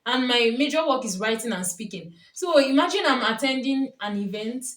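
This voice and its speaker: At normal speed, in an animated voice that is a little high and a bit bright, a young Nigerian woman tells stories and gives casual relationship advice to the camera, laughing often. She speaks Yoruba, has a Nigerian accent and works as a vlogger and coach. The recording is roomy and from a distance.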